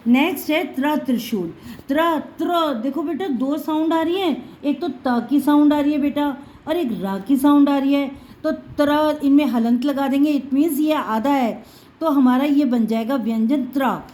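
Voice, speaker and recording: A woman's voice: high voice, unhurried, mellow. A woman teaching Hindi letters to children, patiently repeating each sound and mixing in words.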